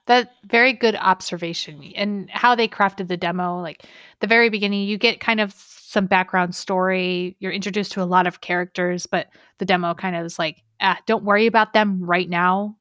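A woman's voice: on the low side, fairly bright tone, dry recording, studio quality. Chatty young woman podcast co-host. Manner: chatty, rambling, enthusiastic. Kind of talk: casual chat.

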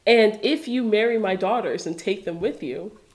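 A woman's voice: mid-range voice, normal speed. A woman co-hosting a casual chat, giggling and telling the story with animation. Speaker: podcast co-host. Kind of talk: casual chat recapping a film.

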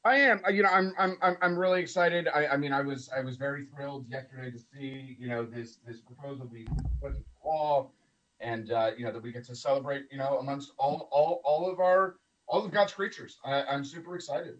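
Stammering rabbi, muffled tin-can sound. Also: male voice, mid-range voice, a bit bright. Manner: halting, repeats words as he starts sentences. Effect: muffled tin-can sound with no proper microphone. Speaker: rabbi co-host. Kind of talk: casual radio chat. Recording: dull lo-fi sound far from the mic.

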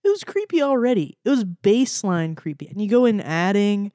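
A woman guest on a casual podcast chat, telling a story in an animated way. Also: mid-range voice, a little fast, no room sound, clean studio sound. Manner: animated storyteller, acts out her own gasps.

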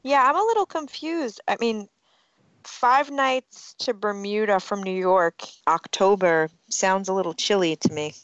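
A woman's voice: mid-range voice, measured pace, a bit bright, dry recording. A woman chatting casually as a podcast panelist. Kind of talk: casual chat. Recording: dull lo-fi, dry audio.

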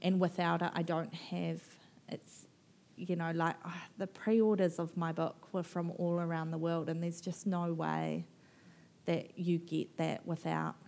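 A woman's voice: lowish voice, flat delivery, unhurried, gravelly, a little mellow. A woman author in her thirties from New Zealand, talking animatedly and rambling at a live festival conversation, laughing and mimicking people. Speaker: author guest.

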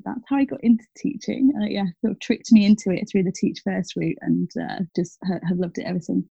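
A woman's voice: mid-range voice, fairly quick, gravelly, warm tone, slightly rough, dry recording. A woman in her thirties, a teacher speaking casually as an interview guest, chatty with many fillers and self-corrections. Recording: dull, dry lo-fi sound.

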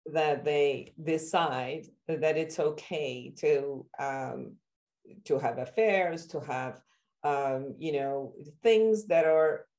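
Woman from Iran, lively interviewer. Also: slow pace. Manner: animated, acts out reactions with sudden high exclamations. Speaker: therapist and podcast host. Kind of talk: conversational interview.

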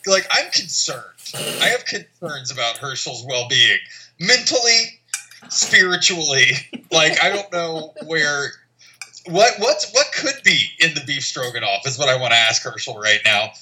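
Male co-host, very bright sharp tone, lively pitch swings, casual joking banter. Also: low-quality recording. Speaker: podcast co-host.

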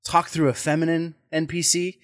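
A man's voice: on the high side, little pitch movement, moderate pace, dry recording, studio quality. A man hosting a casual conversation about running tabletop games, thinking aloud and rephrasing as he goes. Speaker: podcast host and dungeon master.

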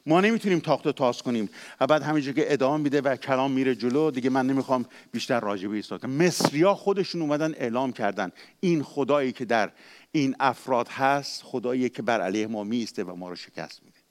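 A male pastor delivering a sermon in an ordinary mid-range voice. He preaches with passion, drops to near-hushed tones, then builds to loud, emphatic peaks. He acts out quoted speech with dramatic flair. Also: mid-range voice, expressive.

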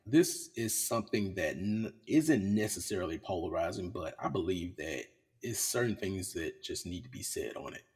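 A man's voice: lowish voice, a little mellow, breathy edge. A man hosting his own podcast in a home studio, talking casually in a blunt, profane, joking way. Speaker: podcast host. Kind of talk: casual solo podcast talk.

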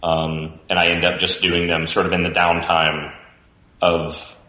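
A man talking in a relaxed, chatty way as a podcast guest, his voice carrying a cave-like echo as if he sits in a cavern. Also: low-pitched, unhurried. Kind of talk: casual chat. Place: echoey basement room.

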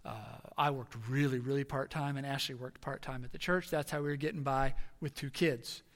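A man in his thirties preaching a sermon as a pastor, telling a personal story earnestly and swinging from hushed, quiet passages to loud, emphatic ones. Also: mid-range voice, steady tone, a little fast. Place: church sanctuary. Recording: long reverb of a large hall.

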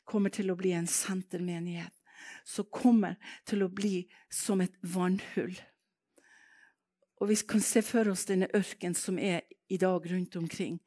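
A woman preaching a sermon, telling stories in a lively way and breaking into fervent exclamations. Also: mid-range voice.

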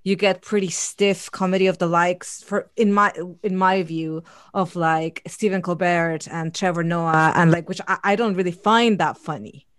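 A woman giving her opinions in a casual, informal way during an intellectual chat, softening them as she goes. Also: on the low side, fairly even intonation, normal speed, few pauses, clean tone. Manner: informal, conversational, hedged opinions. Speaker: discussion participant.

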